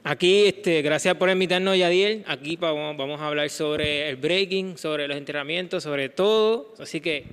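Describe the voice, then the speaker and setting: A man's voice: fairly high pitch, moderate pace, few pauses, a bit bright, smooth, long reverb tail. A man, a dancer giving an upbeat, friendly greeting. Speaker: guest breakdancer.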